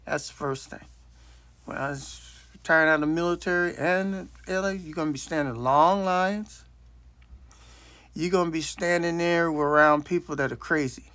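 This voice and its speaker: A man's voice: on the high side, moderate pace, pushed and bright, dry recording. A man in his late sixties telling a rambling, blunt story as a casual monologue into his phone. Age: 60s. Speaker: vlogger. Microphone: self-recorded on a phone.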